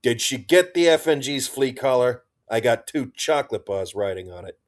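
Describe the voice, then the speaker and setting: A man's voice: medium pitch, normal speed, natural voice. A man voicing a dour, combative woman sergeant who snaps and talks impatiently. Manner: snappish and combative.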